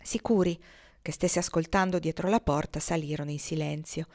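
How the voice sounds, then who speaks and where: Measured woman reading a novel. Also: deep voice, steady tone, a little mellow. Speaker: audiobook reader.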